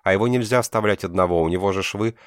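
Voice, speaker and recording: A man's voice: sits low, fast talker, no room sound, studio quality, voice pushed up, lightly acted. A man voicing a tender, tearful young wife and mother in an audiobook. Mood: pleading.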